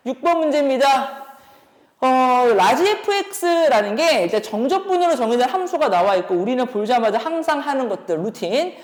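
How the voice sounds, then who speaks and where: A woman math instructor explains exam solutions step by step, often posing questions as she works through them. Her high, darkish-toned voice is sing-song and a little fast, echoing in a room with long reverb.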